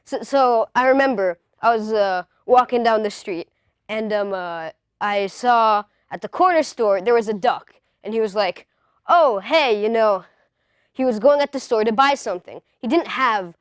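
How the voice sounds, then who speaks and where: A woman's voice: medium pitch, normal speed, smooth, no room sound, clean studio sound, close to an everyday voice. A woman playing an awkward young male stand-up comic who keeps pushing his puns and begging the crowd for laughs. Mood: awkward joking. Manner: flustered, pun-heavy, needy for laughs. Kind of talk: comedy sketch.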